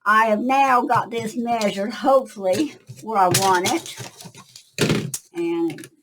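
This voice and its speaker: An older woman, hosting a casual crafting tutorial from her craft shop, chatting to viewers as she works and going quiet while she concentrates. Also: medium pitch, slow pace, slight background noise, rough recording. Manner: chatty, talks to viewers while working, trails off when concentrating.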